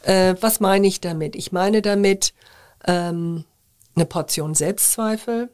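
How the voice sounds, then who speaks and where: An older woman, a former journalist, answering interview questions in a measured, thoughtful way with frequent hesitations. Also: mid-range voice, a little mellow.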